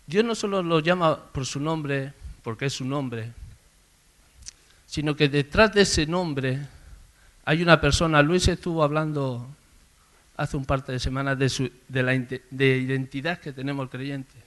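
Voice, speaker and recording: A man preaching a sermon in a conversational storytelling way, calling out names loudly. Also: mid-range voice, unhurried. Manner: conversational storytelling, swells loud on names called out. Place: church service.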